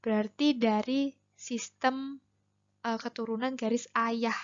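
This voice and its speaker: A woman teacher with a Javanese accent and a fairly high voice talks her pupils through a lesson, patient and chatty. She asks them questions as she goes. The recording sounds dull and lo-fi. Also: steady tone, slow. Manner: explains patiently, addresses students directly with questions. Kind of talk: classroom lesson video.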